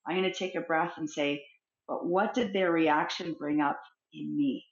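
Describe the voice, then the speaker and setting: A middle-aged woman, a counsellor, talking as a guest in an interview, speaking in a reflective, expressive way and acting out little everyday scenes. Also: low-pitched, normal speed. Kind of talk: conversational interview. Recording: roomy, dull lo-fi sound.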